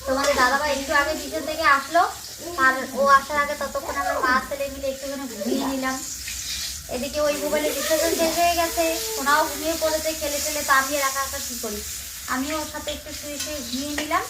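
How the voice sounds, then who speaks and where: A woman's voice: sits high, steady tone, quick pace, echoey room. A woman, a mother narrating a casual home vlog and chatting to viewers as friends. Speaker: vlogger, mother. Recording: home noise, cooking sizzle behind.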